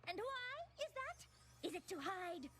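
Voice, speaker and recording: A woman's voice: very high-pitched, sing-song, unhurried, heavily acted. A woman voicing a refined, confident cartoon pony sleuth with a precise, theatrical manner. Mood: confident, accusing. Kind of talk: animated series dialogue.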